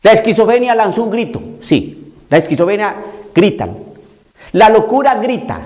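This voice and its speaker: Male preacher, sermon, high pitch, emphatic, repetitive, mocking caricature. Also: lively intonation, moderate pace, a little mellow.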